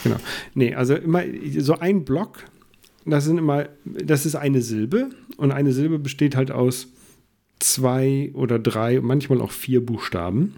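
A man with a gravelly, low-lit voice explains things in a relaxed podcast chat. He often restarts and circles back with fillers while he works his point out. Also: a little slow. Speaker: podcast guest.

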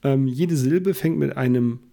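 A man's voice: medium pitch, a little slow, vocal fry, warm tone. A man, a podcast guest, explaining things at length in casual chat, with many restarts and fillers.

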